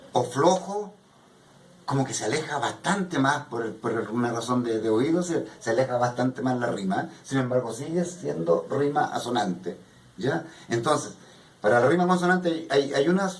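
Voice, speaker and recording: A man's voice: medium pitch, moderate pace, slight background noise. A man teaching a poetry workshop in a classroom, explaining patiently and often checking that students follow. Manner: patient, keeps checking understanding with "¿ya?". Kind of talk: classroom lecture. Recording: echoey room from a distant mic.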